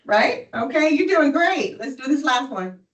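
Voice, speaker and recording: A slow-speaking woman leads a one-on-one phonics lesson, gently encouraging and checking in with her student. Her voice sits a bit high and comes from a distance in a roomy space. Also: lively intonation, muffled recording. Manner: patient, encouraging, checks with "right?". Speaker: reading tutor.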